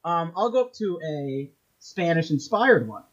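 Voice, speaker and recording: A man's voice: a little high, animated, a little slow, slightly rough, lo-fi sound. A man hosting a casual podcast quiz game, upbeat and teasing, often laughing.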